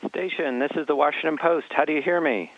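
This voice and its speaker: A man's voice: on the high side, fast talker. A man, a reporter interviewing astronauts, asking polite, hesitant questions with many fillers, his voice heard over a radio link to space. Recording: dry, tinny phone-like radio line.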